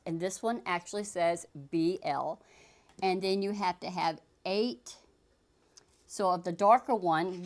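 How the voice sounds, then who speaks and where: A woman's voice: lowish voice, darkish tone. Chatty woman demonstrating quilting cuts. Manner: chatty, talks while working, frequent restarts. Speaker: sewing instructor. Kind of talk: casual how-to demonstration.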